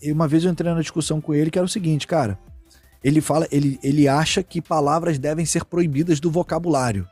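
Male host, husky, a bit high, slangy animated storyteller, dry mic, soft music bed. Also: quick pace, dry recording. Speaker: streamer and podcast host. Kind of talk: casual chat.

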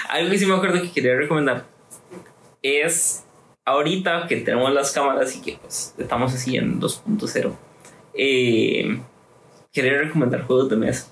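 A man's voice: medium pitch, normal speed, long pauses, a bit bright. A man hosting a casual podcast chat, giving short prompts and moving the segments along. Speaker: podcast host. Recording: echoey room, faint noise.

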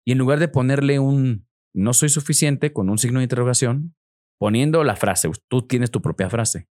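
A man hosting a motivational self-help podcast. He talks in an animated way and acts out inner voices with sudden pitch jumps. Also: moderate pace. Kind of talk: motivational talk.

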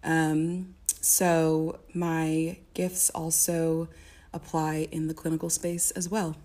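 A woman's voice: low voice, little pitch movement, takes it slowly, warm tone. A young woman from the American Midwest, a singer and music therapist, chatting as a podcast guest with many fillers and restarts. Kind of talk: casual interview.

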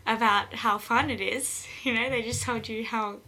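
A woman's voice: on the high side, fairly even intonation, normal speed, sharp tone, slight background noise. A young Australian woman at college, telling her story in a casual interview, rambling and laughing often. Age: young adult.

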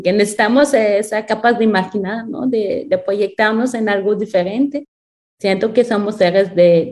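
A woman's voice: mid-range voice, darkish tone. Thoughtful, laughing woman panel guest. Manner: thoughtful, laughs often, many restarts. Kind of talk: panel discussion answer.

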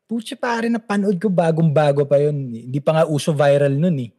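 Podcast host, thirties man, lively storyteller with a warm, higher voice. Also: brisk. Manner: animated storyteller, laughs often. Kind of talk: casual chat.

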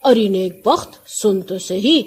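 Woman voicing a good-natured village man, soft-toned and pleading. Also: mid-range voice, animated, slightly rough. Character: easygoing male peasant Raja, boastful.

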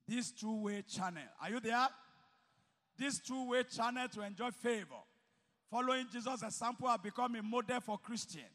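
Preacher man, real high voice, long echo off the hall, goes quiet then shouts it out. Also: moderate pace. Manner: emphatic, swings from quiet asides to loud shouted exhortation. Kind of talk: sermon to students. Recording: reverberant hall.

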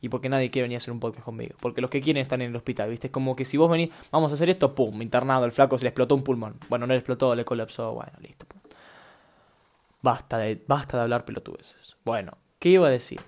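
A man's voice: mid-range voice, steady tone, rapid-fire, hardly any pauses, darkish tone. A young man with a Rioplatense Spanish accent, hosting a solo podcast, talking in a scattered, self-mocking way full of slang. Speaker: podcast host.

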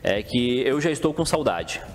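Sports chat host: teasing and mock-serious, with a lively pitch. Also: male voice, moderate pace, slight background noise.

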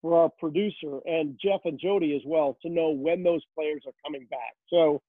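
A man's voice: on the high side, normal speed, dry recording. A man who works as a rinkside hockey reporter answers interview questions in a chatty, storytelling way, full of "uh" fillers. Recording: tinny phone line.

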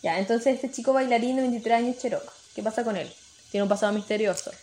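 Playful high-voiced Chilean woman. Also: fast talker, dark tone, slight background noise. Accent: Chilean Spanish. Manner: playful, laughs often, sings snippets. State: sore throat. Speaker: podcast co-host. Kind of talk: casual chat.

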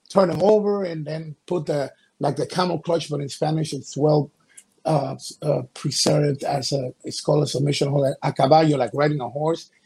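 Middle-aged man from Ecuador, a touch high, breathy tone, halting storyteller. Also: warm tone. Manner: halting, many fillers and restarts. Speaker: wrestling promoter and pastor. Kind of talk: interview answers, storytelling.

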